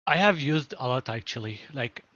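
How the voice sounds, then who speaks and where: A man's voice: mid-range voice, expressive, normal speed, a bit bright, dry recording, highs cut off. A man from Syria who speaks natively, answering interview questions in English, often using fillers and restarts. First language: Arabic. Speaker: guest, marketing implementation director.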